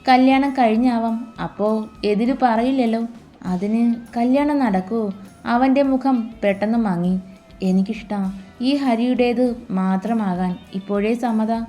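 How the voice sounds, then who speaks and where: A woman reading a romantic family story aloud, voicing every character in the same soft, even way. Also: a little high, unhurried, faint music behind. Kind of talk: scripted romance narration with character dialogue.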